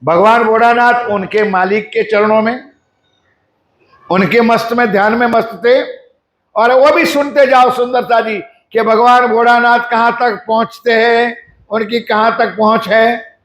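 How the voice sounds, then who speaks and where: A man delivers a devotional sermon in a high voice. He asks his listeners questions directly and slows down to chant mantras. The sound rings around an echoey hall. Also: fairly even intonation, a bit bright. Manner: addresses the audience directly with questions. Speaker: preacher. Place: ashram hall.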